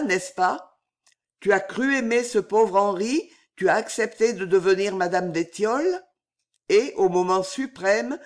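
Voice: mid-range voice, pitched above the performer's own voice, lightly acted. A reader voicing an aging fatherly financier, pleading and reassuring, in an audiobook. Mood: coaxing. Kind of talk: audiobook character reading.

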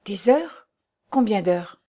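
A woman's voice: mid-range voice, moderate pace, mellow, close to an everyday voice. A woman reading the part of a young nobleman, ardent and pleading, pressing with urgent questions.

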